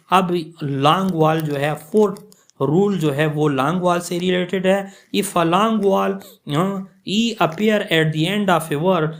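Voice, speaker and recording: A man explaining English pronunciation rules in an online lecture, mixing with English and reading the English rules slowly, word by word. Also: on the high side. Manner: explains in Urdu-Hindi, reads English rules slowly word by word, repeats "yani" often.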